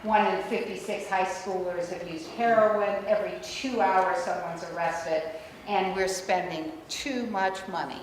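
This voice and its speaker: A middle-aged American woman physician gives a conversational yet emphatic presentation at a conference in a hotel room, repeating her points. Her medium-pitched voice is steady and a little slow. With no mic, it's picked up from far off in an echoey hall, with slight background noise.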